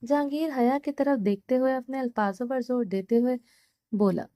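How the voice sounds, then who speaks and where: A woman's voice: high-pitched, no room sound. Woman narrating a romance novel. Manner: steady, measured storytelling. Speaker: novel reader.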